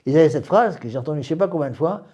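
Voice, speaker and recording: A man's voice: on the high side, lively intonation, racing, dark tone, muffled recording. A man, a priest, giving a doctrinal class to a small group in an emphatic way, often repeating words and restarting phrases.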